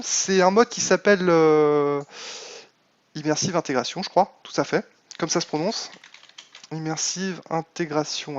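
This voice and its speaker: A man's voice: high-pitched, dull audio. A man casually commenting on his live game stream, thinking aloud with many fillers and answering chat. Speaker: Minecraft modpack streamer.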